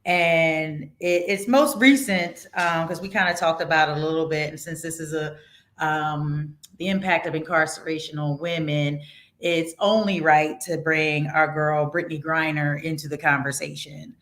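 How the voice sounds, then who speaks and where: A woman's voice: low voice, fairly even intonation, normal speed, fairly bright tone. A woman hosting a podcast conversation, talking casually and emphatically, swearing freely as she shares strong opinions. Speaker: podcast host.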